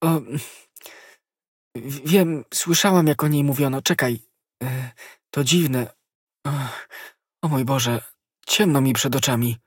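A man's voice: mid-range voice, slow, long pauses, husky, dry recording, clean studio sound, pitched above the performer's own voice. A man voicing a loving, frightened young woman who is dying of poison, with a breathless, pleading delivery. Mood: anxious.

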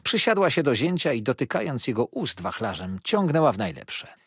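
A man narrating a classic novel as an audiobook, in a lively, expressive reading. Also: medium pitch, normal speed, slightly rough, dry recording, clean studio sound.

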